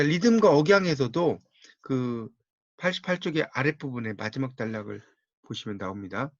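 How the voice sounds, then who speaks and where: A middle-aged man lecturing to a class in a steady, instructive way, guiding listeners through a textbook. His voice sits at an ordinary pitch. The recording is dull and muffled, with a dry sound and no room echo. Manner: steady instructive pace, tells students to mark the textbook.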